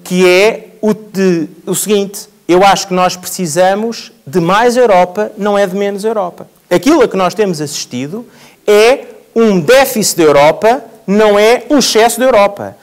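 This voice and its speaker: A man with a high voice makes his case in a public debate. He argues point by point and keeps driving his message home by repeating it. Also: moderate pace. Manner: argumentative, builds points by repetition. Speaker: panel speaker. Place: theatre stage.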